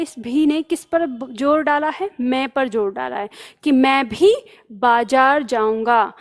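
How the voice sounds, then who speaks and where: A woman teaching a grammar lesson. She asks questions and answers them herself, and repeats key terms for emphasis. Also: high voice.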